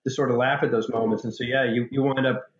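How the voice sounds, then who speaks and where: A man, a paramedic and author, telling candid stories with dark humor in a podcast interview, often restarting his sentences. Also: medium pitch, flat delivery, fast, roomy sound, dull audio.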